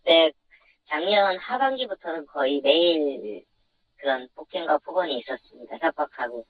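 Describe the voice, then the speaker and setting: An anonymous interview guest whose voice is disguised with a deep pitch shift, giving a subdued, measured account. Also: lively intonation, narrow, tinny audio. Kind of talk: phone-in news interview.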